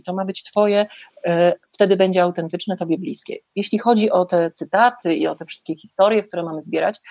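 A woman's voice: fairly low pitch, darkish tone, dry recording. A middle-aged woman giving conversational advice as an interview guest, direct and explanatory, often correcting herself mid-phrase. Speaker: podcast guest, public speaking coach.

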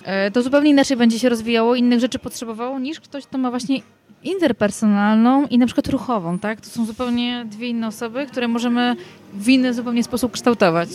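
A woman's voice: on the high side, fairly even intonation, a little fast, a little mellow. A woman hosting a conversation, speaking thoughtfully and hesitantly with frequent restarts. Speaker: host. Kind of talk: conversational interview.

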